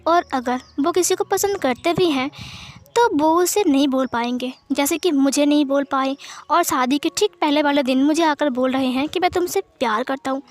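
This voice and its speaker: A woman's voice: high-pitched, normal speed, dry recording, close to an everyday voice. A woman voicing a cheeky, teasing young man. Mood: protesting. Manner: teasing, giggly lines.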